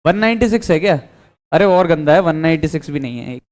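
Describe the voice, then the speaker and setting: A man's voice: on the high side, expressive, quick pace, darkish tone. A man teaching physics in a classroom, asking the students questions and answering them himself. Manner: quizzing students, answering his own questions. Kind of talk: classroom lecture.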